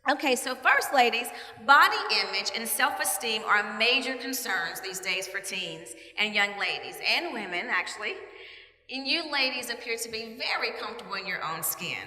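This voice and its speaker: A bright, forceful woman leads a panel with upbeat encouragement, her voice set a little high. She is recorded in a big echoey hall with a long reverb tail. A faint audience murmurs behind her. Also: lively intonation, moderate pace. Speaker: panel moderator. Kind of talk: moderating a panel discussion.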